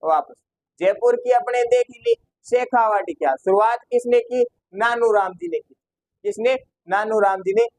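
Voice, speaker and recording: High-voiced Rajasthani teacher lecturing. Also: male voice, no echo, rough recording. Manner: asks students questions and answers them himself; slips into local dialect phrases. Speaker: exam-prep teacher. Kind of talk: classroom lecture.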